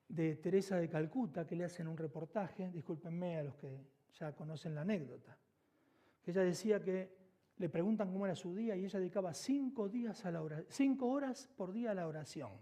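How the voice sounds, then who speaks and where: A man with an Argentine accent preaching a sermon as pastor, moving between emphatic declarations and hushed, intimate asides. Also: high voice. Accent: Argentine Spanish. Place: church sanctuary.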